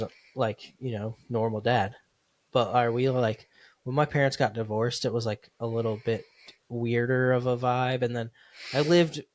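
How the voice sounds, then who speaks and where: A man in his thirties co-hosts a family podcast, chatting casually in a loose, laid-back way and leaning heavily on "dude" and "like." His voice is mid-range, with no room sound.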